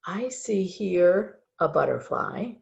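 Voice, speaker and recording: A woman leading a children's yoga class, giving gentle, encouraging step-by-step instructions. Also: fairly low pitch, animated, slow, gravelly. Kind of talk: guiding a kids' yoga class. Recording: distant, very echoey, dull-sounding room recording.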